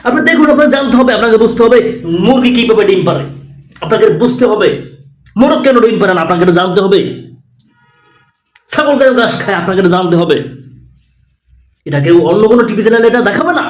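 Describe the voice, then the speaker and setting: Man spoofing a hyped-up TV reporter: high, shouty, repetitive, echoey room. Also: animated, fast talker, pauses often. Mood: frantic hype. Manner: pushy, repetitive, shouting hype. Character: overexcited shouting male TV news reporter.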